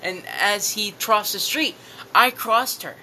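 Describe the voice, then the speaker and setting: A young man with a bright, forward voice tells stories in a loose, casual chat. He laughs easily and swears freely as he goes. A faint hiss of room noise sits under him. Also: sits high, slow pace, poor audio. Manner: laughs often, swears casually, animated retelling. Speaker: podcast guest.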